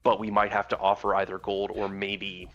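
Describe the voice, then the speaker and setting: Low-voiced man playing a tabletop game, halting. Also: monotone, fairly bright tone. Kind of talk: in-character discussion at a tabletop game. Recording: dull sound with music behind.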